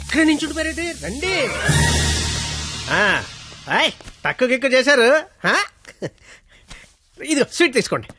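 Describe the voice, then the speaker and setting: A man's voice: extremely high pitch, big pitch swings, normal speed, long pauses, sharp tone, soft background music, heavily acted. An actor playing a sly, mocking older man in film dialogue.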